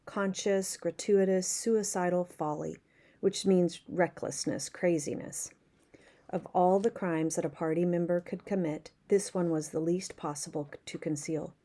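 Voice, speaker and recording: A woman reading a novel aloud, pausing now and then to explain words and events in plain terms. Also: sits low, mellow. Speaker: audiobook reader.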